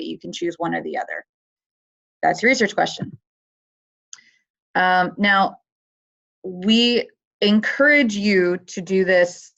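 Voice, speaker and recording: A woman with a fairly low, gravelly voice presents a webinar. She walks through her slides in a conversational way with plenty of fillers. Her audio comes through dull and lo-fi, like a computer mic. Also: fairly bright tone. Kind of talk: explaining a competition on a webinar.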